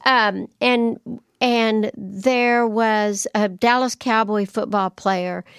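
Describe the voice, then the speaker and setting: Smooth-voiced woman podcast co-host. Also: a little high, fairly even intonation, slow, no room sound, clean studio sound. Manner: chatty, rambling with restarts and asides. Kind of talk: casual chat, reading topics aloud. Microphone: studio microphone.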